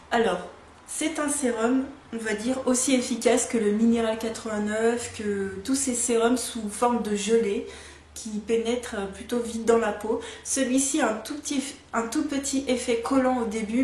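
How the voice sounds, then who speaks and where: A woman's voice: on the high side, darkish tone. A woman turning thirty, reviewing skincare products in a frank, chatty way full of fillers and restarts. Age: 30s. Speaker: beauty vlogger. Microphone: camera mic. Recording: echoey room with faint ambient noise.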